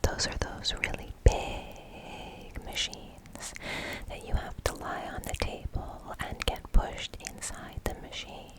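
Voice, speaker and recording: A woman giving an ASMR science explainer in a breathy whisper, often repeating single words softly for tingly effect. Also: slow pace. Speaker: ASMR host explaining research.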